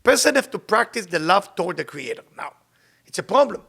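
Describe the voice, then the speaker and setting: In a relaxed spiritual lesson, this Israeli-accented Kabbalah teacher spins stories and repeats phrases for emphasis. His high-pitched delivery is sing-song and husky, with vocal fry and a fairly bright tone. Reading Hebrew aloud, he speeds through it rapidly.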